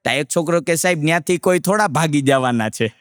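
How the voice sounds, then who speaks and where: A man's voice: on the high side, fairly quick, long reverb tail. A man on stage telling funny anecdotes about himself and quoting what other people said. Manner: anecdotal storytelling with quoted speech. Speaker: stand-up comedian.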